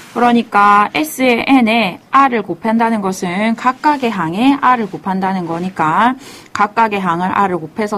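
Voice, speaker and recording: A woman math teacher giving a step-by-step lecture, calling herself "teacher" and asking and answering her own questions. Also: medium pitch.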